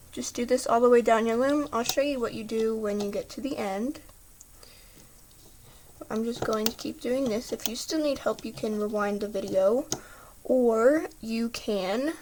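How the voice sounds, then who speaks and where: Woman, craft tutorial, step-by-step, chatty, slightly throaty, higher-pitched. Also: a little mellow, a little hiss or hum. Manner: patient, chatty instructions with small slips and apologies.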